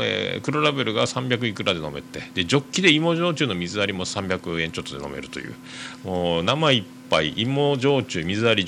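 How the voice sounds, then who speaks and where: A man hosting a podcast, reading listener mail aloud and chatting casually in a rambling, hesitant way full of drawn-out fillers. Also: low voice, gravelly, a bit bright, slight background noise. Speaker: podcast host.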